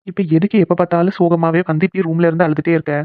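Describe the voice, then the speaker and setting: A performer voicing a caring young man in a cartoon who coaxes and gently scolds his friend. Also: medium pitch, level tone, rapid-fire, clear, resonant tone, no echo, close to an everyday voice. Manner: coaxing, bossy, gently scolding. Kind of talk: cartoon voice acting. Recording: tinny phone-like sound, dry.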